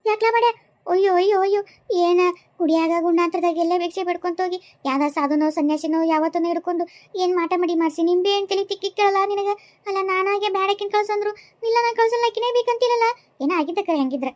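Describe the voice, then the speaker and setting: Cartoon mother-in-law: shrill, quick, North Karnataka accent, always cursing. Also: no room sound. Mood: scolding. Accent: North Karnataka Kannada. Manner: scolding, cursing, wailing. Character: shrill scolding old mother-in-law, bitter and wailing.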